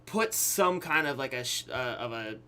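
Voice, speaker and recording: A YouTube storyteller, a young adult man with a bright, punchy, mid-range male voice, tells a candid story in a casual online style. He's expressive, acting out dialogue, pausing for drama and checking in with listeners, with slight background noise.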